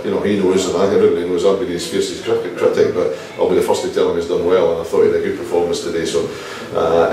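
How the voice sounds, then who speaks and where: A middle-aged Scottish football manager giving a post-match interview, talking quickly with lots of "you know" fillers. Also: male voice, low voice, heavy reverb, recorded from a distance, low-quality recording. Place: indoor press area in front of a sponsor board.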